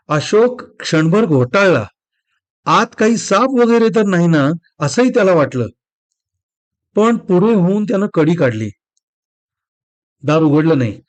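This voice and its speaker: Male storyteller, expressive narration, high voice, audiobook reading. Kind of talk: scripted narration.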